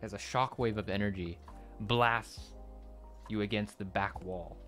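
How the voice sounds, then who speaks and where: A man narrating a tabletop game as game master, slow and relaxed with ums. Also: lowish voice, faint music behind. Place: home, online session.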